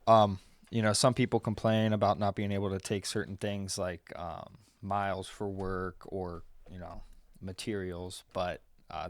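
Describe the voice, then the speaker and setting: A man's voice: sits low, gravelly, dry recording. A man in his twenties, a tax preparer co-hosting a podcast, talking casually with lots of ums and you-knows. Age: 20s. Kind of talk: casual chat.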